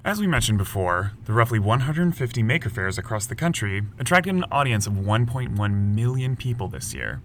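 A man co-hosting a news podcast, reading scripted headlines in a brisk, lightly wry way. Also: lowish voice, sing-song, fairly bright tone, faint music behind. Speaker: podcast co-host.

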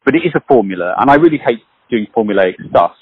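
Husky man in his forties, animated. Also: mid-range voice, quick pace, no echo, phone-quality sound. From British. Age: 40s. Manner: animated storyteller, swears, acts out voices. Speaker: podcast host. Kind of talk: casual conversation.

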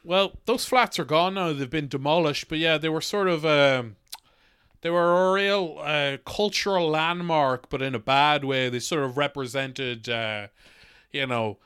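A man's voice: on the high side, a little slow, fairly bright tone, clear, resonant tone, no echo, studio quality. A young Irish man in casual podcast chat, jokey and sardonic, often slipping into mocking put-on voices.

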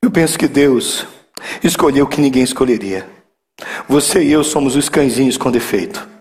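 A man preaching a sermon, swinging between loud, high exclamations and low, intimate asides. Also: moderate pace. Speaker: pastor.

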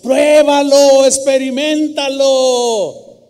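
A preacher with a Mexican accent acting out a calm, wise old woman who gently teases a young man. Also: sits high, slow pace, big-room sound. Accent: Mexican Spanish. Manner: gently teasing, then emphatic.

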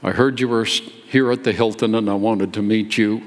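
A man's voice: fairly low pitch, fairly even intonation, fairly quick, long reverb tail, natural voice. A man voicing a humble, apologetic man who runs a school for orphans, earnest and polite, speaking through stuffy sinuses.

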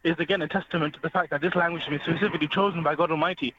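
A man on the phone to a radio show goes into a long, earnest, fluent explanation at a very fast clip. His voice is a little high and steady in tone, heard through a dull line with a faint hiss.

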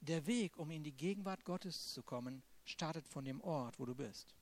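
Rather high-voiced King David, a weary and candid man, calm and direct, talking as if face to face, played by a male preacher. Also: normal speed, lightly acted.

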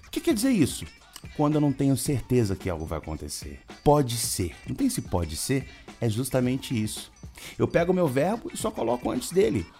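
A man teaching English with a very lively, swooping delivery, saying example phrases slowly and then repeating them. Faint music plays underneath. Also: mid-range voice. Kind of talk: lively grammar lesson.

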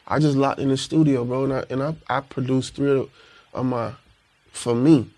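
During a relaxed interview chat, a male rapper guest from Panama City, Florida, talks reflectively at a moderate pace. His voice is high-pitched yet darkish in tone and holds steady, and "you know what I'm saying" comes up again and again.

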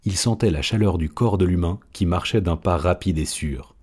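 A man narrating an audiobook in a steady, measured storytelling manner. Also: low-pitched, slightly rough.

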